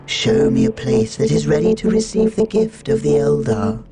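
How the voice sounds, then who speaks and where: A man's voice: mid-range voice, very animated, normal speed, vocal fry. A man playing a solemn, serene alien mystic builder in a video game, with lofty, formal phrasing. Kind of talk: scripted video game unit voice lines. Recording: game audio under loud music.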